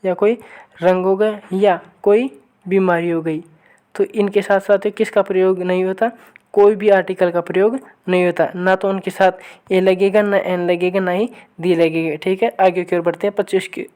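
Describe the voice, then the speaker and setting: A woman teaching an online grammar lesson, who keeps asking her viewers for the right answer and reads each sample sentence slowly and again. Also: medium pitch, warm tone. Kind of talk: online exam-prep lesson.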